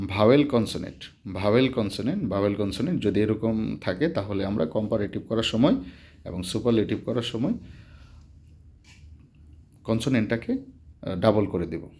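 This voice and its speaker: Methodical low-voiced male grammar teacher. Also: a little mellow. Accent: Bangladeshi Bengali. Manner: repeats examples slowly and methodically, with fillers. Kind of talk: explaining a lesson step by step.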